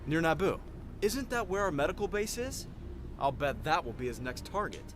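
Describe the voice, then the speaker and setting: A man voicing a confident, cocky young pilot commander in an animated series. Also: on the high side, moderate pace, music in the background.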